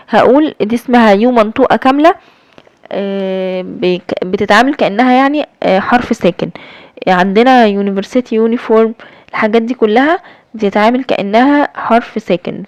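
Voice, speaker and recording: A woman's voice: mid-range voice, a little mellow, no echo. A young woman with an Egyptian Arabic accent, explaining English grammar step by step in a recorded lesson, with many fillers and check-ins. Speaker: English teacher.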